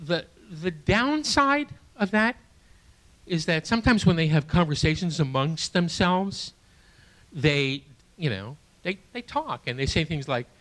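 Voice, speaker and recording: A man in his late sixties performing a stand-up comedy set in a small theater, with a halting, self-deprecating delivery full of restarts, and audience laughter behind him. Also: fairly high pitch, animated, a bit bright. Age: 60s. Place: small theater stage before a live audience.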